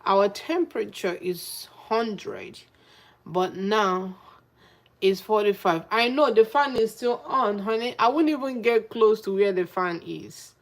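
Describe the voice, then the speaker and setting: Slow, emphatic woman vlogging. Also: medium pitch. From Nigeria. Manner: emphatic, repeats phrases for effect. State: blocked nose from the cold. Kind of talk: casual chat to camera.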